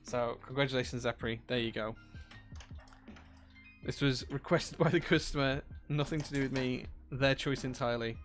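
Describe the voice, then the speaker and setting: A man's voice: mid-range voice, fairly even intonation, normal speed, faint music behind. A man hosting a live stream, chatting casually, reading out viewer chat and thanking people as he works. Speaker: livestream host building keyboards.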